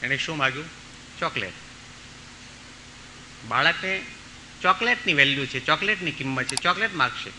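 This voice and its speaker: A man's voice: on the high side, lively intonation, normal speed, pauses often, sharp tone, slight background noise, low-quality recording. A man preaching a storytelling sermon, acting out the voices of the people in his tales. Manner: acts out voices in his stories, pleading and commanding. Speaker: monk preacher.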